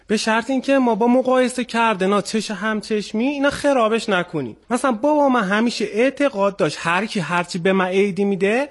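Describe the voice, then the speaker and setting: Stand-up contestant: man, twenties, Isfahani Persian accent, unusually high voice. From Isfahan, Iran. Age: 20s. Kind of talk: stand-up storytelling in a radio contest.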